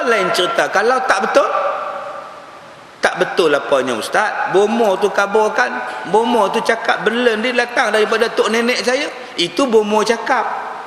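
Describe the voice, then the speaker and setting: A male preacher, giving a lively religious lecture and acting out the people in his stories. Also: high-pitched. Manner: animated storytelling with acted-out quotes. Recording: echoey hall with faint hiss.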